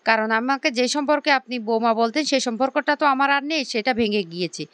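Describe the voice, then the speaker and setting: A woman reading the lines of a calm, composed young woman in a family story. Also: fairly high pitch, fast, dry recording, lightly acted. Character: quietly pleased woman back at her family home.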